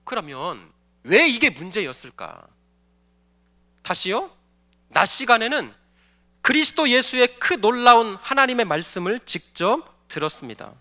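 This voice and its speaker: A man's voice: high-pitched, very animated, a little slow, pauses often, sharp tone. A man preaching a Sunday sermon as pastor, emphatic and questioning the congregation directly. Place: church sanctuary.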